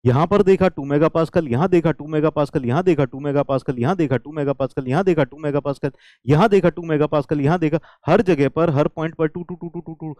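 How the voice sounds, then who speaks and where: A man with a fast, fairly high, darkish-toned voice teaches an engineering lecture with no echo. He keeps checking in with students, repeats key points, and now and then switches into lines of English.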